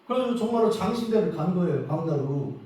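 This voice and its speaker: A male pastor preaching a lively, joking revival sermon, acting out prayers as he goes. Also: sits high, brisk. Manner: animated, joking, acts out prayers. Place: church sanctuary. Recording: echoey hall from far off.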